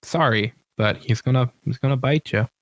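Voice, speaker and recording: A man running a tabletop game as game master, explaining rules in a casual, halting way. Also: mid-range voice, dry recording.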